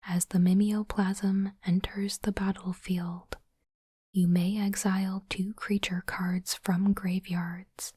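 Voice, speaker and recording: A woman hosts an ASMR card unboxing channel, whispering softly and breathily in close, gentle narration. Her mid-range voice comes across slow, deliberate and hushed, captured in a dry, studio-quality recording.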